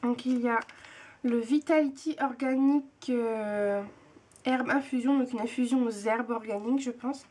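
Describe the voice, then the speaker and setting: A woman's voice: a little high, fairly even intonation, normal speed, darkish tone. A young woman blogger chatting casually and gushingly about a tea box, full of hesitations. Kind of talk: casual unboxing chat.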